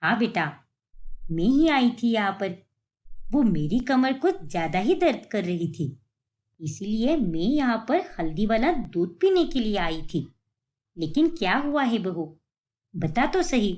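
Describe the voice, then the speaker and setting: A woman voicing a homely, fussy older mother-in-law in a cartoon story, in a lowered, aged voice and a scolding manner. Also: very animated, unhurried, darkish tone. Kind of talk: cartoon voice acting.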